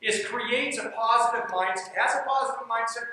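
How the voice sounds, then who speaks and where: A man with an extremely high-pitched, sharp voice talks at normal speed about leadership and coaching, delivering emphatically from a dark stage in a large hall and repeating his key phrases often. The hall is echoey and he is heard from a distance.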